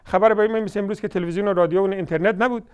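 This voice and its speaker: Guy with a high voice doing a heated tv religion lecture, scolds and mocks, slows way down for scripture. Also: steady tone, clear, resonant tone. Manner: heated, scolding and mocking, loud bursts then quiet asides; recites scripture slowly and deliberately.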